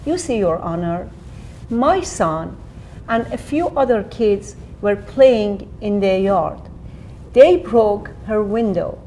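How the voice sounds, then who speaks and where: An actress playing an earnest immigrant mother who pleads her own case in a courtroom drama, speaking deliberately. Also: mid-range voice, animated, dark tone, a little hiss or hum, rough recording. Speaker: actor playing a defendant. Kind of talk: acted courtroom drama dialogue.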